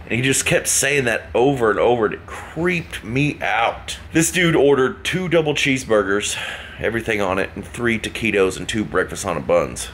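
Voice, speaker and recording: Low-voiced man telling a story. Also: animated, normal speed, a bit bright, a little hiss or hum. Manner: rambling, amused, repeats himself. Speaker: vlogger. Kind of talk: casual storytelling to camera.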